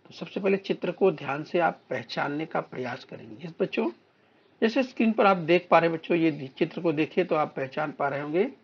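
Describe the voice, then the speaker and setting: A man teaching a recorded lesson to young children, reading words slowly and clearly for them to repeat. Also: on the high side, expressive, dull audio. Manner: slow, drawn-out word-by-word reading for children to repeat. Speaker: primary school teacher.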